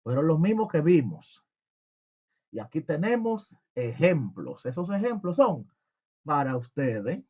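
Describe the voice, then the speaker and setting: A man's voice: on the high side, big pitch swings, unhurried, mellow, husky, dull audio. A man teaching a French lesson with humor, asking and answering his own questions.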